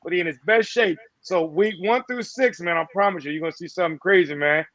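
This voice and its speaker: Male comedian guest, higher-pitched, animated, muffled lo-fi sound. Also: fast talker. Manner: animated, laughing. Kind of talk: casual chat. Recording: dull lo-fi audio.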